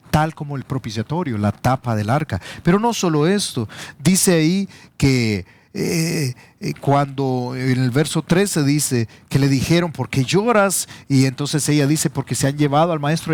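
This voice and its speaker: A man's voice: fairly high pitch, darkish tone. Salvadoran man preaching a sermon. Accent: Salvadoran Spanish. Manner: teaching, rising sharply when quoting scripture. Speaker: pastor.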